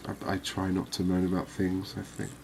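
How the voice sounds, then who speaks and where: Musing and in no hurry, a man with a low, even voice offers relaxed ASMR game commentary as a gaming video host, often tossing in tag questions. The recording has clearly noisy background ambience.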